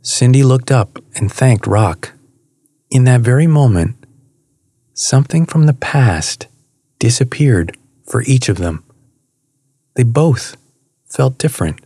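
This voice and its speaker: A man narrating an audiobook in a steady, unhurried reading voice. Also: medium pitch, slightly rough, no echo. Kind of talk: scripted narration.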